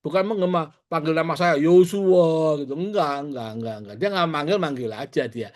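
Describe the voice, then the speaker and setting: A man's voice: a little high, fast. A middle-aged male pastor preaching over a video call, conversational, telling personal stories and laughing at himself.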